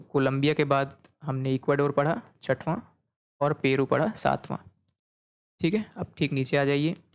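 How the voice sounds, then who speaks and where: Man, geography teacher, clear resonant delivery, quizzes students by repeating each answer. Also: medium pitch, dry recording. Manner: repeats key points as quiz questions, frequent "okay" checks. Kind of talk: recorded map lecture.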